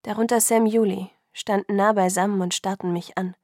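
A woman reading a first-person novel aloud in a steady, even storytelling manner. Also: mid-range voice, normal speed, no room sound, clean studio sound. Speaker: audiobook reader.

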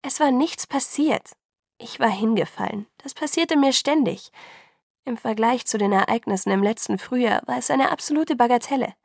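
A woman narrating a first-person novel as an audiobook, in a soft, subdued reading. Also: on the high side, moderate pace, creaky, no echo, studio quality.

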